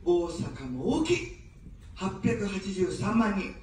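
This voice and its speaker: A female candidate speaks slowly and expressively, her medium-pitched voice darkish in tone. Her evening outdoor campaign speech is in standard Japanese without an accent, mixing humor with earnest pleas for support. It comes through a very echoey, distant street PA, with slight background noise.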